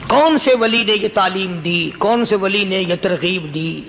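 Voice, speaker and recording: High-voiced impassioned preacher. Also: male voice, gravelly, a bit bright, slight background noise, low-quality recording. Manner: impassioned, repetitive, rising into dramatic emphasis. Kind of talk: storytelling sermon.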